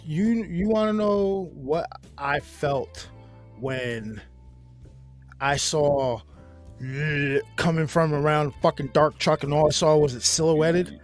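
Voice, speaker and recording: Animated, swearing storyteller man. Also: slow, faint music behind. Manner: animated, profane, jumps to loud high yelps when acting out his fright. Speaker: podcast host. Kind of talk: casual storytelling.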